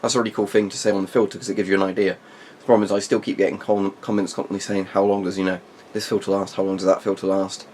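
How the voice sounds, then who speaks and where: A man with a fairly low voice talks through a product review off the cuff. His explanations are informal and wander into asides. A little noise sits behind the voice. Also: flat delivery, racing, darkish tone. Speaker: military surplus gear reviewer. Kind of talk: casual unscripted product review. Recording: faint background noise.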